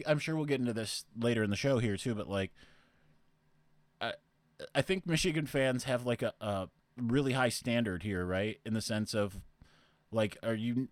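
A man's voice: medium pitch, no echo. A young man hosting a podcast, casually answering listener questions in a rambling way. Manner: rambling, with fillers and restarts. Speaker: podcast host.

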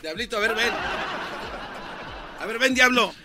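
A man's voice: extremely high pitch, a little slow, music in the background. A man co-hosting a radio comedy show, teasing the others and laughing often. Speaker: radio co-host. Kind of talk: casual radio comedy banter.

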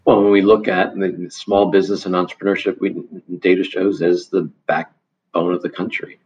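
A man answering interview questions in a measured way, often restarting his sentences. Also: sits low, level tone, darkish tone, husky. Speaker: guest, foundation leader. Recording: dull lo-fi audio.

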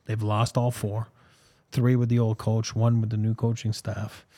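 Here the French-speaking former hockey player, whose accent has picked up some Boston, talks casually about sports and does ad reads as a podcast co-host. He sounds low and warm yet completely flat, keeps a measured pace, and wanders through his thoughts with lots of ums and "you know". The studio sound is clean, with no room noise.

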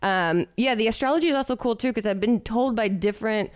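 A woman's voice: fairly high pitch, fast talker, no room sound, clean studio sound. A young woman co-hosting a podcast, chatting casually with many likes and ums. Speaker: podcast co-host. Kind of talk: casual chat.

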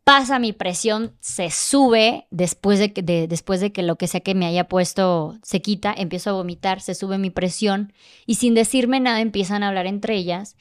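A woman's voice: medium pitch, normal speed, clear, resonant tone. A woman telling a personal story in casual podcast conversation, emotional and vivid, acting out the dialogue. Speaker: podcast guest.

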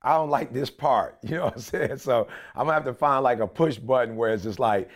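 A man's voice: mid-range voice, a little fast. A man co-hosting a podcast in casual, bantering chat, informal and prone to repeating his phrases. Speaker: podcast co-host.

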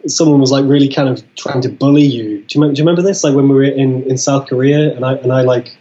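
A man telling stories in casual chat, rambling and halting, with frequent swearing. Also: mid-range voice, steady tone, warm tone, muffled recording. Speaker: guest.

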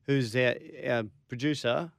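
A man's voice: medium pitch, fairly even intonation, a little slow, vocal fry, no echo, studio quality. An Australian man co-hosting a radio sports show with wry, matey, blokey banter. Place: radio studio. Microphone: close studio broadcast mic.

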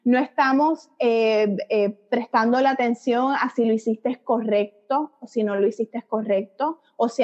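Speaking with a Puerto Rican Spanish accent, this middle-aged guest from Puerto Rico, a psychologist who created a dance method, reflects on her ideas in a conversational interview, using small fillers. Her voice has a fairly high pitch and a darkish tone, recorded in dull lo-fi.

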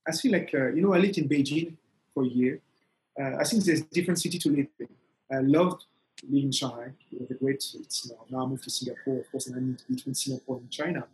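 A man from Togo, speaking conversationally as an interview guest, with halting, restarted phrasing. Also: mid-range voice, a little mellow, slight background noise, poor audio.

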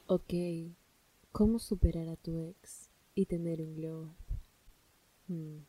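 A woman hosting a solo podcast, giving an excitable, gushing pep talk and dropping English phrases into her speech. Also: lowish voice, slightly rough, far from the mic. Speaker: podcast host.

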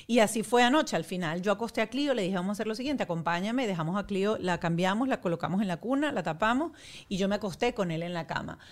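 A woman, chatting casually as a podcast host and telling family stories with lively, animated emphasis. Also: medium pitch, fast talker. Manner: animated storytelling, acts out her own exasperation. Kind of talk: casual chat.

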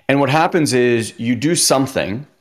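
A man's voice: medium pitch, animated, normal speed. A man hosting a podcast in casual talk, chatty, saying "like" often and acting out little quotes. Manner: chatty, says "like" a lot, acts out quotes. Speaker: podcast host.

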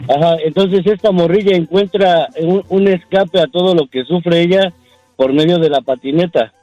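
Joking caller with a high voice. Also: male voice, moderate pace, mellow, no echo, muffled recording, faint music behind. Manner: joking, explains plainly, polite address. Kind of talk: casual radio chat.

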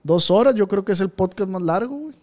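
Male podcast host with a high voice, Sinaloan Mexican accent, informal street slang, relaxed conversational delivery. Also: quick pace. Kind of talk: casual chat.

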